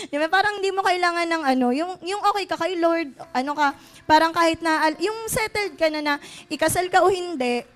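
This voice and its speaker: High-voiced young woman giving a chatty youth talk. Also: a bit bright. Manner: chatty, many fillers, frequent "di ba?" asides, laughs often. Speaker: youth conference speaker. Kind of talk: casual Taglish church talk to youth.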